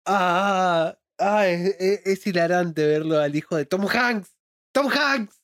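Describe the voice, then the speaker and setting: High-voiced Argentine man, crude jokes. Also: takes it slowly, no room sound, clean studio sound. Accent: Argentine Rioplatense Spanish. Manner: animated, crude joking, mimics accents. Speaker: podcast co-host. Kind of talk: casual chat.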